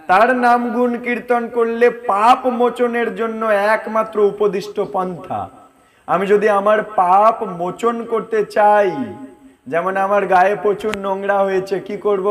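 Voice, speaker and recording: High-voiced man giving a sermon. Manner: conversational, asks and answers his own questions. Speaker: preacher. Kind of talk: devotional discourse.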